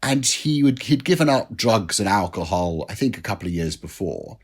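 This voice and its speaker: Low husky man telling lively anecdotes. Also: moderate pace. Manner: self-deprecating, animated anecdotes. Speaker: guest, drinks writer. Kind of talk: interview storytelling.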